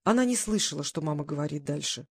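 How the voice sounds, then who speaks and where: A woman reading an audiobook in an even, measured narration. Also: low-pitched, husky, dry recording, studio quality. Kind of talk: scripted narration.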